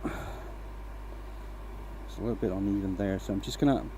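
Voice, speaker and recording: The woodturning livestream host, a man from Denmark, chats casually while working and explains as he goes, peppering his talk with "right?" in a relaxed way. His light accent is largely a mix of online-acquired English accents over a Danish base. He speaks at a normal speed in a fairly low voice, with a slight hiss or hum.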